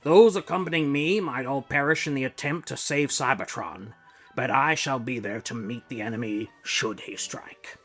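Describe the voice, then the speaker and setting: A man's voice: mid-range voice, moderate pace, fairly bright tone, faint music behind, natural voice. A man voicing a noble, resolute robot leader in a comic book reading, formal and solemn.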